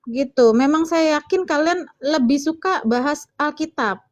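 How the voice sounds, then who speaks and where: High-voiced woman taunting her livestream callers. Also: unhurried, no echo, highs cut off. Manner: teasing, challenging, laughs at callers. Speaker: livestream host. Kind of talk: casual livestream debate.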